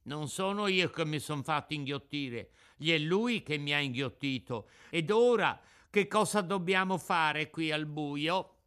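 Man doing a loud, whiny scared puppet boy. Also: fairly high pitch, expressive, a little slow, hardly any pauses, clear, resonant tone, voice pushed up. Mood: scared pleading. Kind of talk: audiobook character voice.

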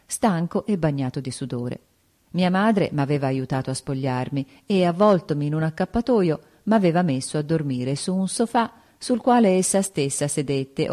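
Woman narrator, measured literary audiobook read, low and mellow. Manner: measured, unhurried storytelling.

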